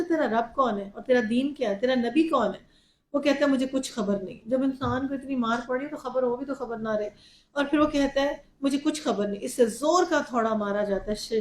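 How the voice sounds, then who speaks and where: A woman's voice: on the high side, a little mellow, roomy sound, rough recording. A woman with a Pakistani Urdu accent giving a Quran lesson as a religious lecture, telling it vividly with a personal story. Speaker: Quran teacher.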